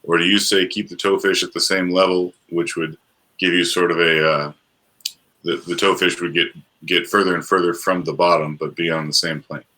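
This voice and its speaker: Deep bright-toned man telling a story. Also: level tone, normal speed. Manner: chatty storyteller, easygoing. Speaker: interviewer. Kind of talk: interview questions and anecdote.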